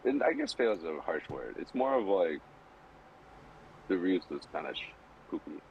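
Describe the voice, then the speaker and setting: A man's voice: very animated, moderate pace, gravelly, lo-fi sound, a little hiss or hum. A man co-hosting a podcast over a call, chatting casually and playfully. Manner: playful, breaks into high laughing squeals. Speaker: podcast co-host. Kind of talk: casual chat.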